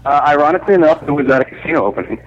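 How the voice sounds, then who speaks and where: A man's voice: fairly high pitch, animated, racing. A man calling in over the phone as a guest interviewer, chatting casually with some fillers. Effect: heard over the phone. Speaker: guest caller, entertainment interviewer. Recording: dull lo-fi phone audio.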